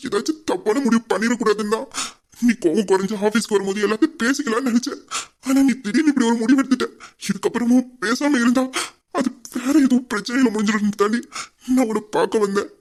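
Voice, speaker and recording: A woman voicing a possessive young man who calls himself king, in an audio romance drama, talking intensely and dropping low to threaten. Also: a little mellow, natural voice. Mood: pleading. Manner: intense, lowers voice to menace.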